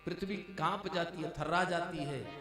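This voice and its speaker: A man's voice: fairly high pitch, steady tone, moderate pace, recorded from a distance. A man preaching a devotional story sermon, acting out the dialogue and calling his listeners "maharaj". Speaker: Ram Katha preacher. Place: large live discourse venue. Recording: echoey live hall sound from afar, with music.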